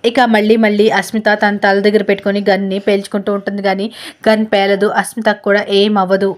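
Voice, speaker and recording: A woman hosting her channel and retelling a TV serial episode in a steady narrating way. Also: mid-range voice, quick pace. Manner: steady retelling with repeated connectives.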